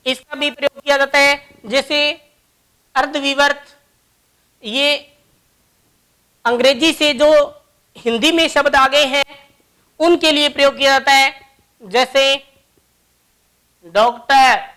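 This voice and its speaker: Woman grammar teacher, high-pitched and slow, careful about each example. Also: steady tone, pushed and bright. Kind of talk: classroom grammar lesson.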